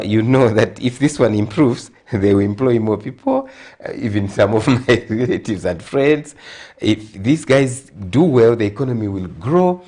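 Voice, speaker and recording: Earnest middle-aged Zambian man, low-voiced. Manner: earnest, grows emphatic and animated. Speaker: guest consultant. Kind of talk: TV interview.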